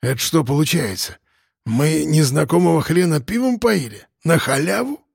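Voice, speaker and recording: A man's voice: on the high side, animated, moderate pace, gravelly, darkish tone, breathy edge, dry recording, studio quality, heavily acted. A man voicing a whiny, unshaven male petty thief who sniffles and pleads in a raised voice. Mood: flustered.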